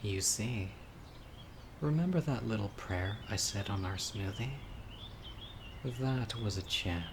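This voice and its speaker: A man with a lowish voice and lively intonation portrays an obsessive, dying young witch, a devoted yandere lover, in an audio roleplay. His monologue to his beloved is deliberate, intimate and pleading, with a calm, ominous mood. Outdoors, crickets, other insects and birds sing in the background.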